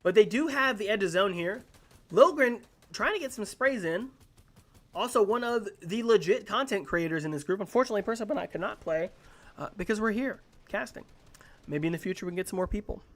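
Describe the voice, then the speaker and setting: Excitable esports caster calling plays. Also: medium pitch, brisk. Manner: excitable, frequent exclamations. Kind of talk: live esports play-by-play commentary.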